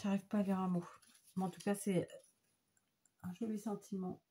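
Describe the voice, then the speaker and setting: A woman's voice: mid-range voice, level tone, normal speed, mellow, slightly rough. A woman chatting casually to camera as she shows off handmade papercraft gifts, gushing with enthusiasm. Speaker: craft vlogger. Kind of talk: casual show-and-tell chat.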